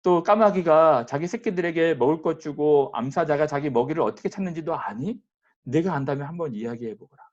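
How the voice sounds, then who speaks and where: A stern, rebuking God, put on by a male preacher fires slow, pressing questions one after another. The voice sits at a middling pitch, and the recording sounds slightly dull and lo-fi. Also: lively intonation, darkish tone, lightly acted.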